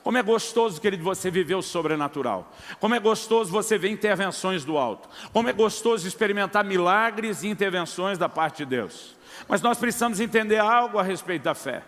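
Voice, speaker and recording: A man's voice: high-pitched, expressive, fairly quick, a bit bright, in a large hall. A middle-aged Brazilian man preaching a sermon as pastor, telling a personal testimony and acting out the dialogue, calling his listeners brother. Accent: Brazilian Portuguese. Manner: storytelling, acts out quoted dialogue, addresses listeners as brother.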